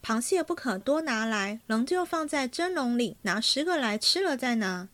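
A woman reading aloud, voicing a bossy, teasing young noblewoman who runs the household banquet, raising her pitch for quick, sharp banter. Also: expressive, no echo. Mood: brisk.

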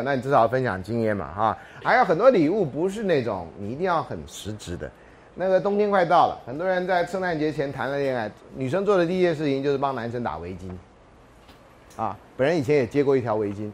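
Lively joking male lecturer. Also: medium pitch, a little hiss or hum. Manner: joking storyteller, laughs mid-sentence. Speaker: university lecturer. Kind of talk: classroom lecture.

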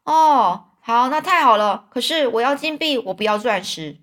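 A woman reading aloud as a scrappy, carefree boy in a storybook, blunt and a little whiny. The voice sits fairly high, with a lilt. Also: lively intonation, moderate pace, a bit bright. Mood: casual, curious.

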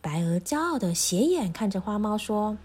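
A woman teacher reading a children's story aloud in a gentle, clearly paced way. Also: medium pitch, big pitch swings, moderate pace.

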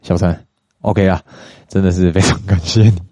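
A young man with a Taiwanese Mandarin accent hosting a podcast, chatting casually and getting animated as he retells a story, with slangy asides. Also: low-pitched, normal speed, dry recording. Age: young adult. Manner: chatty, animated when retelling, mixes in English words and Taiwanese swearing. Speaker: podcast host.

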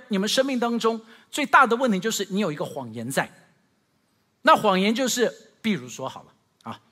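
Male pastor, sermon; high, bright, a touch husky; animated and questioning, reverberant hall. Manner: animated, asks the congregation questions. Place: church hall. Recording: echoey hall with long reverb.

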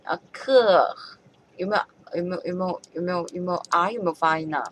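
A woman's voice: fairly low pitch, fast, slight background noise. A woman chatting casually as she thinks aloud, often correcting herself and laughing at her own mistakes. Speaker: vlogger learning French.

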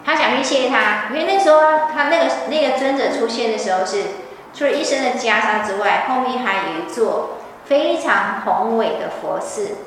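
A woman's voice: fairly high pitch, expressive, moderate pace, few pauses, a bit bright, slight background noise. A woman giving a scripture lecture, telling the story animatedly. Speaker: religious teacher. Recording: echoey hall from far off.

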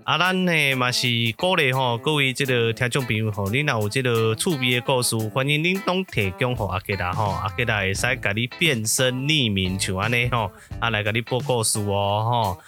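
Man as podcast host, bright tone, folksy mock radio newsreader, faint music under. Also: medium pitch, moderate pace, few pauses. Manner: folksy old-style announcer delivery. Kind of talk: mock radio news bulletin.

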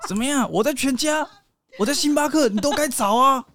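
A man's voice: extremely high pitch, fairly quick, noisy background, voice pushed up. A man doing a whiny, demanding girlfriend. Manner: whiny, teasing and exaggerated. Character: sulky, demanding young woman picking a fight with her boyfriend.

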